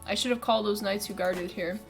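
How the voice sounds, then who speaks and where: A woman's voice: medium pitch, fairly even intonation, fast, creaky, soft background music. A woman streamer reading a visual novel aloud, laughing and swearing between lines.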